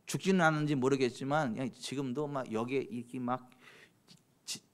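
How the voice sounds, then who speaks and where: A man preaching a sermon as pastor, swinging from soft chatty asides to loud fervent exhortation and teasing church members. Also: mid-range voice, moderate pace. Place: church sanctuary.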